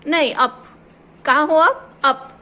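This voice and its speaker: A woman's voice: sits high, slow, bright, forceful tone. A woman teacher giving a home lesson to a small child, patiently drilling word pairs and mixing English words into Hindi.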